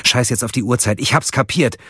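A man reading an audiobook, voicing an agitated, excited woman police investigator in a raised voice. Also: medium pitch, fairly quick, husky, no echo, studio quality, voice pushed up. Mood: urgent. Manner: urgent, excited, breathless.

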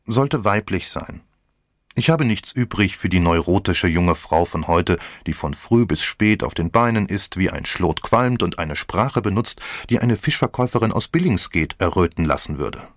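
A man reading a novel aloud as first-person narrator, in a measured, expressive storytelling manner. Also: low-pitched, no room sound, clean studio sound. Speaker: audiobook narrator.

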